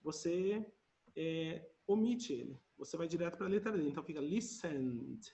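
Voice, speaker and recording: A man's voice: on the high side, lively intonation, normal speed, gravelly, dark tone. A man with a Brazilian Portuguese accent teaching English on a video call, patiently repeating words for his students to echo. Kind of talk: online class teaching.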